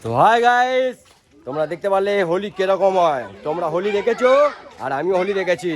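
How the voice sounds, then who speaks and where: A man's voice: high-pitched, expressive, fast. A man vlogging a family Holi celebration outdoors, filming with a handheld phone and eagerly urging viewers to look. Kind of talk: casual vlog narration.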